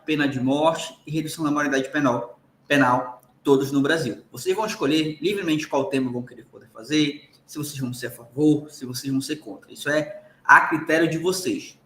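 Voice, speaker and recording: A man's voice: a little high, fairly quick, fairly bright tone, roomy sound. A man with a Brazilian Portuguese accent giving a recorded lecture to law students, emphatic and often checking in with the class.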